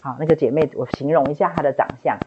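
A woman's voice: sits low, racing, noisy background. A middle-aged woman sharing a personal faith testimony at a book club, retelling it dramatically with many fillers. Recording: dull lo-fi recording.

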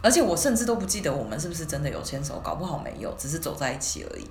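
A woman's voice: low-pitched, sing-song, very fast. A woman hosting a podcast in casual chat, often laughing and chiming in with short agreements. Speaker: podcast host. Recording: echoey room with faint hiss.

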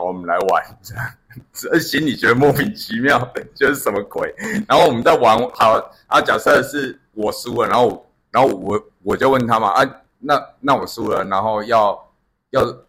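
A man tells family stories in a casual chat. His voice is bright and slightly breathy. He rambles through fillers and restarts. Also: mid-range voice, normal speed. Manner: storytelling, many fillers and restarts. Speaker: podcast co-host.

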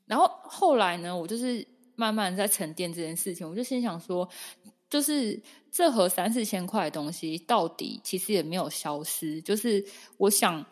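A woman in her thirties tells a story in relaxed conversation, emphatic and lively, slipping into the voices of the people she quotes. Her voice sits mid-range, and the room behind her rings with a long reverb. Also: medium pitch, moderate pace. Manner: animated, emphatic, acts out quotes. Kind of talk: casual chat, storytelling.

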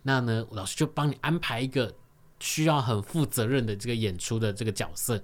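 A sly, cajoling schoolteacher, played by a man telling a story on the radio speaks with a Taiwanese Mandarin accent. The pitch sits in an ordinary middle range. The phrases drag out in a wheedling way. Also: a little fast, lightly acted. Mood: cheerful.

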